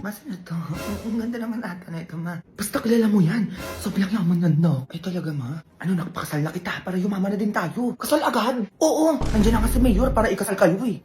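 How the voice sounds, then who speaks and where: A woman acting out comic family and classroom skits, switching between characters in a lively, teasing way. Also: medium pitch, fast, reverberant, over music. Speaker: comedy sketch performer. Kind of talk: skit comedy acting many characters.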